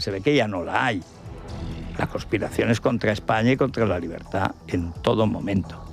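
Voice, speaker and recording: A radio host with a Spain Spanish accent delivers a combative, scornful monologue, firing off rhetorical questions. His voice is gravelly and his pitch swings widely. Faint music plays in the background. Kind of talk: opinion monologue.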